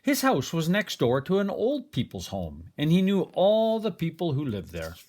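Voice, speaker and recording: Man reading a storybook, very lively pitch. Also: normal speed. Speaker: storybook reader. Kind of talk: expressive children's story narration.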